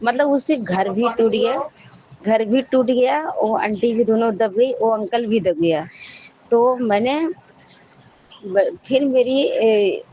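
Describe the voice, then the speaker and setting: A woman's voice: on the high side, dark tone, a little hiss or hum, low-quality recording. A woman sharing a devotional testimony with a congregation, telling her story in a rambling, repetitive way with frequent restarts.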